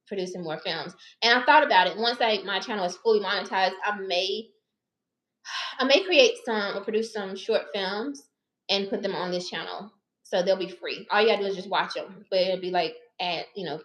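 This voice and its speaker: A woman in her thirties talks straight to her viewers in a loose, chatty way, calling them y'all and baby. Her voice sits at an ordinary middle pitch. The recording carries a noticeable room echo. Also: a bit bright. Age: 30s. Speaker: personal finance YouTuber and licensed therapist. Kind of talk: casual chat to camera. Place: her living room or car. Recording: roomy echo.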